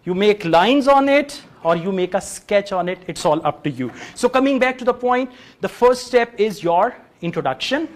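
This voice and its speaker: A man with a Pakistani English accent lectures a live classroom, his voice pitched fairly high. He talks in a lively, joking way and drops into Urdu and Punjabi now and then. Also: normal speed. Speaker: English teacher. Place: classroom before a live audience.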